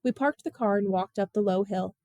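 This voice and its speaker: A woman reading a novel aloud in measured, expressive storytelling narration. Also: medium pitch, no room sound. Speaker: audiobook narrator. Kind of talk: scripted narration.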